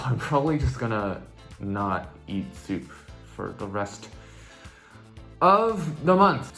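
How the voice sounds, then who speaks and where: A man's voice: on the low side, a bit bright. A young man recording a casual video diary, speaking cautiously with a stiff jaw and barely opening his mouth, as after tooth surgery. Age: young adult. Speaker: vlogger.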